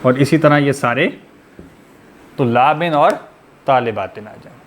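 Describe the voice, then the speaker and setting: A man's voice: mid-range voice, measured pace, a little hiss or hum. A man teaching an online class, explaining step by step and quizzing his students with repeated questions. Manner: patient, methodical explaining.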